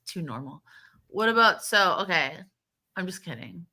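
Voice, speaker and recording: A woman from Florida with a bright, forceful voice carries the chat, crude and teasing. She rambles through stories and ribs her friends as she goes. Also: fairly low pitch, sing-song, normal speed. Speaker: podcast co-host. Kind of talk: casual banter.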